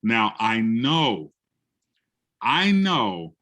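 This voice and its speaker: A man's voice: medium pitch, extremely slow. A man from the Bronx, an educator telling classroom stories in a conversation and acting out the people he quotes. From the Bronx, New York. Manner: animated, acts out quotes in other voices. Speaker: educator and guest speaker. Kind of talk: storytelling in a conversation.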